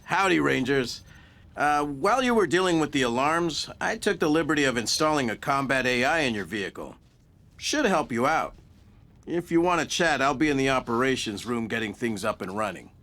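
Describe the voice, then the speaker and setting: A man's voice: mid-range voice, expressive, normal speed, fairly bright tone. An actor playing a friendly male radio technician who talks casually.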